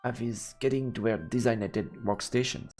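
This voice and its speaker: With game music running in the background, a man streams himself reading a visual novel, narrating playfully and breaking in with stammering reactions. He speaks at a moderate pace in a mid-range, slightly mellow voice.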